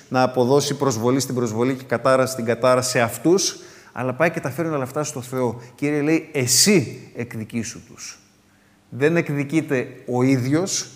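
A man preaching a sermon in an earnest manner, acting out the prayers he quotes. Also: mid-range voice. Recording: long hall reverb.

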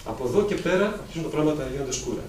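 A man preaching a sermon with emphatic delivery, swinging between loud, drawn-out declamation and quiet asides. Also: a little high, lively intonation. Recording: echoey room with faint ambient noise.

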